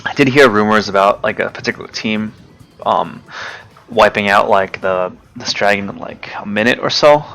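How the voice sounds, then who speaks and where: Gravelly, low-voiced man, hesitant gameplay commentary. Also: moderate pace, a bit bright. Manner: hesitant, many fillers, loses track of names. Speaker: gaming video creator.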